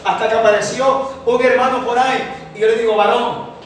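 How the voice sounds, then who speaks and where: A man's voice: very high-pitched, fairly even intonation, a little fast, far from the mic. A man preaching a sermon, emphatic and telling a personal testimony. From Ecuador. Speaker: evangelist preacher. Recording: very echoey hall, voice from afar, faint noise.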